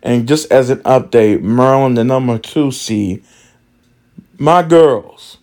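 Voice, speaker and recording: A man hosting a casual sports podcast, excited and rambling, with many fillers and restarts. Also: medium pitch. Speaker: podcast host.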